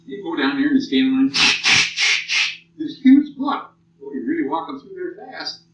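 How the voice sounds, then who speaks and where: A man's voice: a little high, quick pace, slight background noise. A man in his sixties with an American accent, lecturing a class and telling blunt, profane war stories. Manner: blunt, profane, animated storytelling. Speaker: military lecturer. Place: lecture hall. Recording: muffled old tape from far off in an echoey room.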